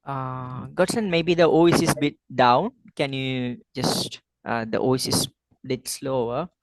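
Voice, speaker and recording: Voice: medium pitch, slow, dry recording, low-quality recording. Dry-voiced webinar moderator. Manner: brief audio checks, encouraging. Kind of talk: hosting an online session.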